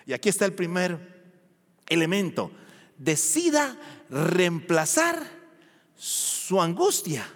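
A man preaching a sermon as pastor, animated and often asking the congregation questions. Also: very high-pitched, long reverb tail.

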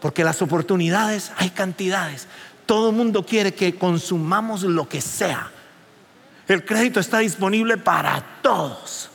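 A man preaching a sermon as pastor, animated and rising to near shouts. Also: sits high, measured pace, vocal fry, breathy edge, long reverb tail.

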